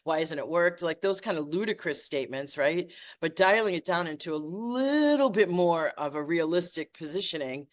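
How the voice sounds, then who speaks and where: A woman's voice: lowish voice, expressive, normal speed, few pauses. A woman teaching energy medicine as a podcast guest, talking passionately and emphatically, stumbling over her words when she gets worked up. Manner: passionate, emphatic, exaggerating for effect. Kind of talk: podcast interview.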